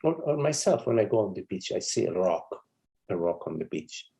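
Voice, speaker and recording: A man's voice: deep voice, big pitch swings, fairly quick, gravelly, warm tone. A man, a spiritual teacher, giving a meditative live satsang talk in a meandering, conversational way with frequent chuckles and asides.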